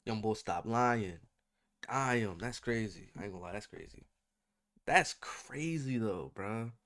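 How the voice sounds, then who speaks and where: A man's voice: fairly low pitch, expressive, unhurried, a bit bright. Slangy man with very swoopy delivery. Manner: slangy, exclaiming, repeats himself. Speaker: reaction video host. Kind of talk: casual reaction commentary.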